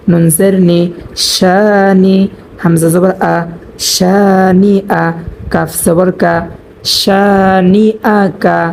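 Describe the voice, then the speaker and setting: A woman teaching Quran recitation, spelling out each letter and vowel mark deliberately and chanting verses in long, drawn-out tones. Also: fairly low pitch, darkish tone, a little hiss or hum.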